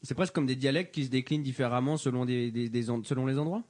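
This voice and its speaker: A man's voice: mid-range voice, fast, a little mellow. A man hosting a radio show in casual chat, introducing and questioning a guest.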